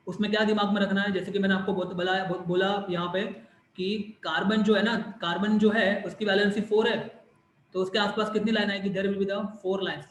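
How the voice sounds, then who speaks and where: A man's voice: sits high, echoey room, slight background noise, poor audio. A man teaching a chemistry class online, repeating questions and answering them himself, with bits of English mixed in.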